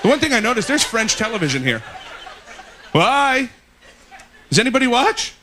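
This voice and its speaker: Animated stand-up comic man, high voice. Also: moderate pace. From Canada. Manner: animated, acts out characters in jumps of pitch. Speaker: stand-up comedian. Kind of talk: stand-up comedy set. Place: concert hall stage with a laughing audience. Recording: loud audience laughter and room noise.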